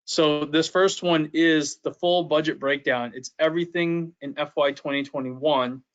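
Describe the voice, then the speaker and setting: A man's voice: mid-range voice, fairly bright tone, highs cut off. A man acting as town administrator, explaining budget documents methodically at a public board meeting.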